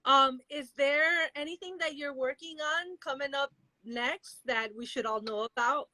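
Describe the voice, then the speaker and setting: A woman's voice: sits high, unhurried, pushed and bright, no room sound, poor audio. A woman hosting a casual live interview, chatting and reading out viewers' questions. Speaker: interview host.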